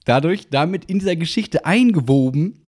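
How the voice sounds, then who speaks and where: A man hosting a podcast in casual chat, telling a story with lively acted-out dialogue. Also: a little high, normal speed. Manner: animated anecdote telling, acting out quoted dialogue. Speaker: podcast host.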